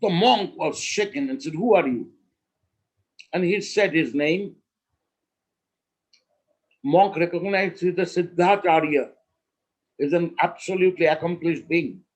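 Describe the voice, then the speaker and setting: A man as a spiritual teacher, telling a story in a slow, measured way with emphatic pauses. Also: on the high side, poor audio.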